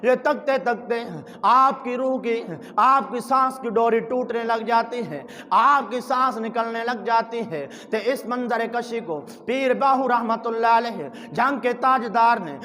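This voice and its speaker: A man preaching a sermon with passion, his voice climbing into shouts and chanted lines. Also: very high voice, few pauses. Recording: long hall reverb.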